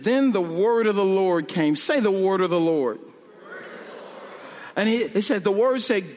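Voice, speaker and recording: A pastor preaching a humorous, conversational sermon, slowing down and building to shouts on key points. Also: male voice, high-pitched, long reverb tail.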